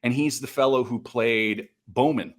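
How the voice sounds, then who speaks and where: A middle-aged North Dakota man speaks in an unhurried, mid-range voice on a podcast. His storytelling is conversational, casual, and enthusiastic, and he rambles as he goes.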